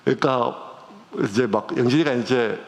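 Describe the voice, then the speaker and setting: A middle-aged pastor delivers a conversational sermon full of strong emotional swings in a church sanctuary. His mid-range voice is gravelly and his speed normal, with a long church reverb on the recording.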